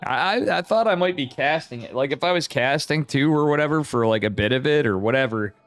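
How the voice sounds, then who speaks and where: An American esports caster from upstate New York rambles casually with viewers as he hosts and commentates a game livestream. He speaks a little fast and expressively, in a slightly high voice with a fairly bright tone.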